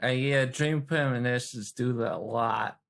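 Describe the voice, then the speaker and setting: Playing a character in a tabletop role-playing game, a woman improvises casually with a flippant, slangy, hesitant style. Her bass voice moves a little slowly and carries vocal fry.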